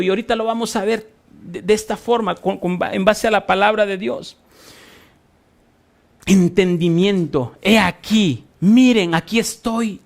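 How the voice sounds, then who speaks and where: A man preaching a sermon as pastor, impassioned, with repeated phrases and rhetorical questions to his congregation. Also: high voice. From Honduras.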